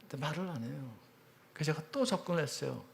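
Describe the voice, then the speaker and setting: Man, fifties, church elder, spoken testimony, earnest storyteller, climbs high when moved, sinks to a hush. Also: animated, fast, creaky. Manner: earnest storytelling, voice swelling high on emotional peaks; drops to a hushed near-whisper at tender moments. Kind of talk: personal testimony talk.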